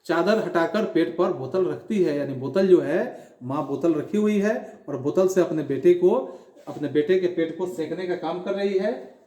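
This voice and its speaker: A male teacher talks a class through a school play, repeating and rephrasing each line for his students. His voice sits high. The recording is echoey, as if made in a bare room. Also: measured pace, mellow. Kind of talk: explaining a textbook play to a class.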